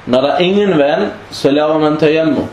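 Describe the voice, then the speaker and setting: A man's voice: on the high side, darkish tone. Man teaching an Islamic law class. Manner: asks the class questions and acts out example dialogues. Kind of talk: classroom lesson on Islamic legal maxims. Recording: echoey room with faint background noise.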